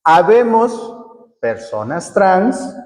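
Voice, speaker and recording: A woman's voice: lowish voice, sing-song, very slow, darkish tone. A woman from the coast of Oaxaca with a Mexican accent, leading a workshop and explaining patiently while often checking with her listeners. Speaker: workshop facilitator. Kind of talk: teaching a workshop. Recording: long reverb in a hall.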